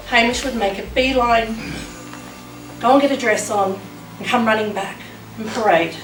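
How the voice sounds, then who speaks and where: A woman's voice: on the high side, unhurried. A middle-aged woman performing a dramatic spoken monologue on stage as a mother telling her story. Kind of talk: staged spoken-word monologue over music. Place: large hall at a live show. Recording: echoey hall, distant mic, music behind.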